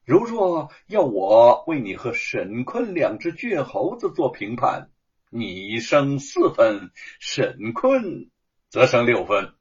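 A man voicing Li Chunfang, a frank, earnest young male scholar in a told story, speaking persuasively and a little louder than his narration. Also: mid-range voice, sing-song, slow, breathy edge, muffled recording, heavily acted. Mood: friendly.

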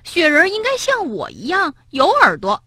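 A woman voicing a playful, stubborn young male rabbit in a children's storybook, with excited, shrill calling. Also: normal speed, slightly rough, no echo, studio quality, full character voice. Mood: insistent.

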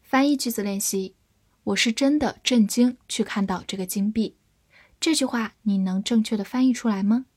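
A woman teaching English vocabulary in a scripted lesson, explaining each word and reading example sentences slowly and clearly. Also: a little high, a little mellow, no echo.

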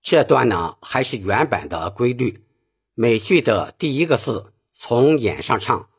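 A man's voice: medium pitch, sing-song, measured pace, husky, faint music behind. A man giving a Peking opera singing lesson, patiently explaining each phrase and demonstrating it.

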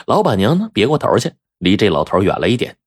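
Husky, animated male storyteller. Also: fairly low pitch, quick pace, dry recording, studio quality. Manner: wry, joking, colloquial. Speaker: narrator. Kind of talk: first-person audiobook storytelling.

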